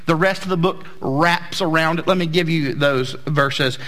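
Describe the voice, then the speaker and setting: A man's voice: fairly high pitch, normal speed, fairly bright tone. An American man of about forty preaching a church sermon as a pastor, conversational, with emphatic repetition for effect.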